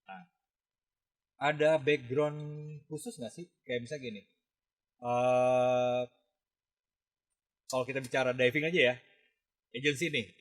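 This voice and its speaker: A man's voice: mid-range voice, steady tone, unhurried, long pauses, low-quality recording. A man hosting a casual podcast chat, talking in slang with lots of fillers and restarts. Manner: chatty, uses slang, many fillers and restarts. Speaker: podcast host.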